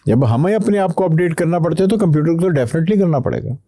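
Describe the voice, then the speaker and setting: A middle-aged man from Pakistan, a company CEO, answering interview questions slowly, pausing to think before he speaks. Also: a little high, expressive, dark tone, no echo, clean studio sound. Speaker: guest, tech company CEO. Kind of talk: podcast interview.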